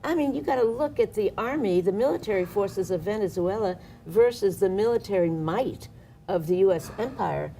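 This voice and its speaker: Woman with a low gravelly voice. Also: expressive, normal speed, warm tone, slight background noise. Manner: impassioned, sarcastic political commentary. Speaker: activist guest. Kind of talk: studio panel discussion. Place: studio.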